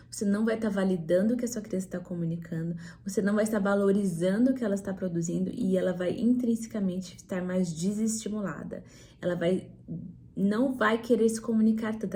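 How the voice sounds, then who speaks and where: A Brazilian woman speaking as a speech therapist to parents. Her voice is soft and mellow, at an ordinary middle pitch. She explains in a patient, didactic way, tagging her points with quick checks to the listener. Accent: Brazilian Portuguese. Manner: didactic, frequent "né?" and "tá?" tag questions. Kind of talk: educational talk to parents.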